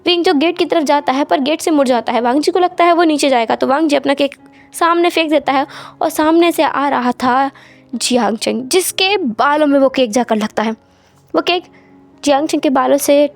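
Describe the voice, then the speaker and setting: High-voiced woman narrating a story. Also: creaky.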